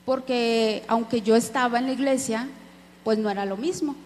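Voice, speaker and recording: A woman's voice: a little high, moderate pace, darkish tone. A woman preacher giving an earnest sermon testimony, speaking directly to her listeners as brothers. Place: church hall. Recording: echoey hall with faint hum.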